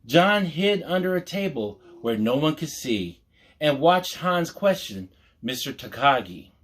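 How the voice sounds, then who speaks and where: Reading a picture book at storytime, this man speaks in a high-ish, sing-song voice. He keeps a measured storyteller's manner and drops in mock-earnest asides.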